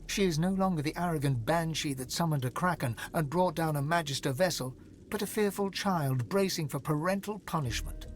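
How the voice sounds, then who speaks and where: An actor narrating a dark fantasy video game as a solemn storyteller, in a grave, measured, literary manner. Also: male voice, fairly high pitch, slight background noise, close to an everyday voice. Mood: grave, dramatic. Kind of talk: dramatic scripted fantasy narration.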